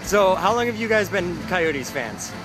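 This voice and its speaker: A man holding a phone camera asks fans quick, upbeat questions on an outdoor plaza at night. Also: high voice, very animated, a loud crowd, rough recording. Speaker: street interviewer. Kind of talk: man-on-the-street interview. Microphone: handheld phone camera. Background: loud music playing.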